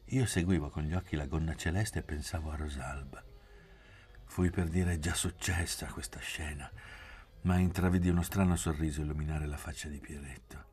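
A man reading a literary audiobook in a measured, hushed narration. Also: extremely low pitch, fairly even intonation. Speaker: audiobook reader.

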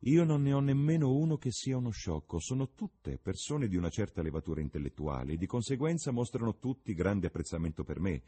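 Male reader voicing a languid, cynical aristocrat; deep, husky, dark tone. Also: very animated, brisk, hardly any pauses. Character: witty cynical young English lord.

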